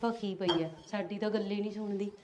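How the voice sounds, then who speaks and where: A woman's voice: mid-range voice, steady tone, brisk, background noise, close to an everyday voice. A woman playing a scheming daughter-in-law who sweet-talks her husband's family. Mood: placating. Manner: placating, sweet-talking.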